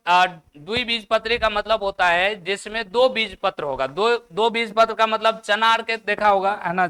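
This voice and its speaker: High, bright-voiced Bihari teacher lecturing. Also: male voice, clear, resonant tone. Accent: Bihari Hindi. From Bihar, India. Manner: explains by asking the class and answering himself, with frequent "है ना" tags. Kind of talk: classroom lecture.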